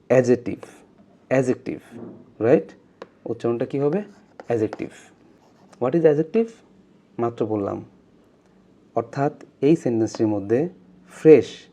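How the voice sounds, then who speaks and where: A man teaching an English grammar lesson, repeating key points, drawing out words slowly and asking his learners questions. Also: medium pitch, dark tone, dull audio.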